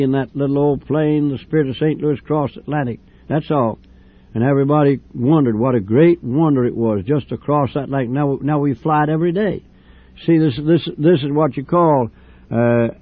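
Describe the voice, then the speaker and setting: Older guy preaching on old tinny radio, kinda high voice, dry sound, fervent and repetitive. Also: dry recording. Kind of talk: sermon.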